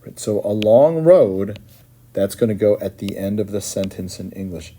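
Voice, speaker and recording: A man's voice: fairly low pitch, expressive, moderate pace, dark tone, slight background noise. A man teaching and patiently explaining as he translates line by line, often checking in with "right?".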